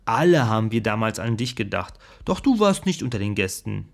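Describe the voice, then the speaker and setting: A man's voice: fairly low pitch, very animated, a little fast, creaky. A man voicing a sneering, taunting space-bar heckler.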